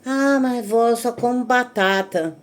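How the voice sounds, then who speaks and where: Uma mulher mais velha com sotaque brasileiro imitando a neta pré-adolescente, manhosa e exigente, com voz mais aguda. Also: female voice, a little high, measured pace, a little hiss or hum, pitched above the performer's own voice, close to an everyday voice. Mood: whiny. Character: whiny preteen granddaughter, fussy and picky.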